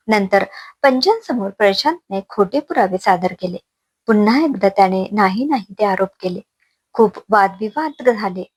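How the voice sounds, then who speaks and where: A woman narrating a dramatic family story in an expressive reading. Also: medium pitch, no echo.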